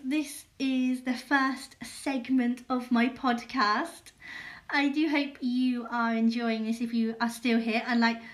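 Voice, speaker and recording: A young-sounding woman with a slightly high voice hosts her own podcast. She talks candidly and hesitantly, full of "like" and restarts, reflecting aloud. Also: a bit bright. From England. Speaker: podcast host. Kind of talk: personal podcast monologue.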